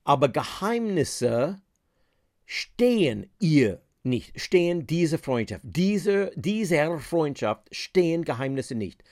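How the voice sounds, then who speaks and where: A podcast host teaches English, patiently explaining words with many hesitant fillers. His voice is a little high and a little mellow, with big pitch swings and a slow pace, captured on a podcast microphone with a dry, clean studio sound.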